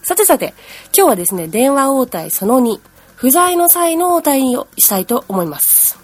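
A woman's voice: high-pitched, sing-song, moderate pace, no echo. A woman teaching English pronunciation in a chatty, explanatory way, humming out speech rhythms. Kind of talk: language lesson.

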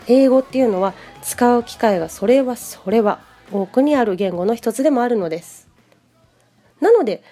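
A woman giving a casual pronunciation lesson, chatting with many fillers and slowly modeling English phrases for the listener to repeat. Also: a little high, mellow. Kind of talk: casual solo lesson, podcast-like.

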